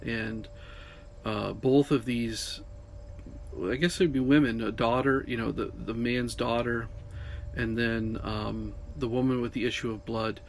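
A man hosting a casual religious podcast from inside a camper van, talking in a halting, conversational way that trails off. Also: mid-range voice, steady tone, vocal fry, slight background noise. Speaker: podcast host.

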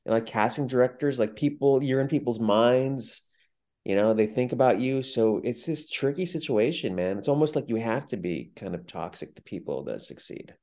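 A man's voice: mid-range voice, expressive, normal speed, mellow. A man in casual podcast chat, telling stories candidly and animatedly.

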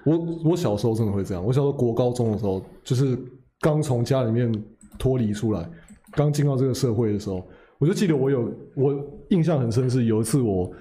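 A young man, telling a story in casual chat. His voice is very dark and mellow, and he rattles along quickly, restarting phrases and laughing at himself. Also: medium pitch, expressive. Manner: rambling, self-correcting, laughs at himself. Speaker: podcast co-host.

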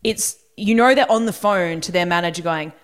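A woman's voice: on the low side, moderate pace. A woman co-hosting a podcast, talking things through in casual chat with frequent restarts and hedges. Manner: thoughtful, hedging with fillers and restarts. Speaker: podcast co-host.

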